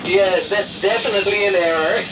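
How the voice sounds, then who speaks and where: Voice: medium pitch, normal speed, recorded from a distance. A sailor on another boat, heard over a marine radio. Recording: muffled radio with loud noise.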